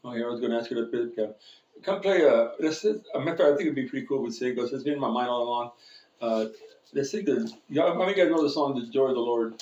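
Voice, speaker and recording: A man's voice: medium pitch, fast talker, darkish tone, echoey room, poor audio. A man preaching an informal sermon in a church, telling a personal story in a rambling, self-correcting way with frequent chuckles. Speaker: pastor. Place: church sanctuary.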